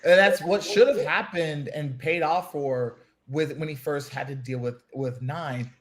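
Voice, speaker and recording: A man in casual chat, ranting in an animated way with many restarts. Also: fairly high pitch, unhurried. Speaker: podcast co-host.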